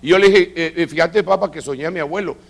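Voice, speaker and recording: A middle-aged man preaching, telling a testimony with lively acted-out dialogue. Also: on the high side, fast talker, vocal fry. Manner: animated storytelling, acting out quoted dialogue. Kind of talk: sermon testimony. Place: church service.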